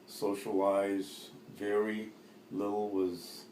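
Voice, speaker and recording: In this oral history interview, the speaker is a man in his fifties, born in Lebanon with Arabic as his native tongue, who stumbles along with frequent fillers and restarts. He has a fairly low, level, slightly mellow voice, captured in a roomy space with slight background noise.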